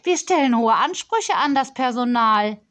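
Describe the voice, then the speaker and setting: A woman's voice: a little high, expressive, a little slow, a bit bright. A woman voicing a spoiled, bossy ten-year-old girl who talks in a prim, demanding way.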